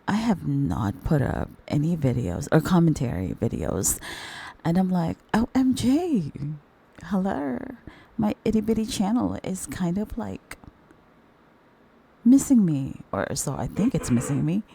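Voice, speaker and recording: Hoarse from the flu, a middle-aged woman with a very deep, mellow voice hosts a commentary channel and chats casually with viewers she calls darlings. She's very animated but keeps a measured pace.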